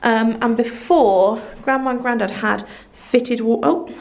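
Gravelly and on the high side, this woman's voice stays fairly even and moves a little slowly. She's a vlogger from England in her thirties, fondly chatting through a tour of a bare house, camera held at arm's length, with many ums and likes.

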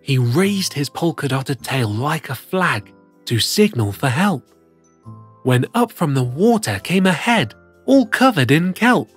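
In the role of a cheerful plush cat, the storyteller host reads picture books to kids, theatrical and sing-song throughout. The voice has a medium pitch and a husky quality, moving a little slowly, while faint music plays behind.

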